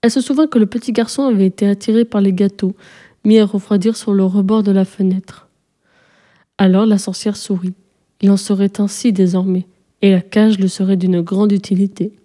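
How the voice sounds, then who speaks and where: A woman calmly narrating a fairy tale as a storyteller. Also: mid-range voice, normal speed.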